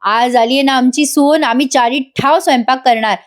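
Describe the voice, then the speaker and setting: A woman's voice: sits high, moderate pace, lightly acted. A woman reading the lines of a cheerful, doting mother-in-law. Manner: warm, doting.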